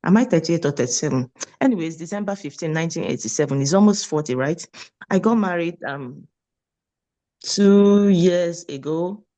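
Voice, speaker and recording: A Nigerian nurse in her late thirties is a guest in a casual interview, speaking at normal speed in a voice on the low side. She has a lively, preachy energy and keeps repeating her points.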